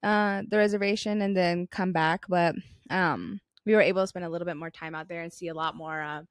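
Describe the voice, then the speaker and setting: A woman's voice: lowish voice, steady tone, fairly quick, no echo, studio quality. A young American woman from Arizona co-hosting a podcast in a casual, reflective way, with thoughtful, hesitant phrasing. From Flagstaff, Arizona, United States. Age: young adult. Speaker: podcast co-host.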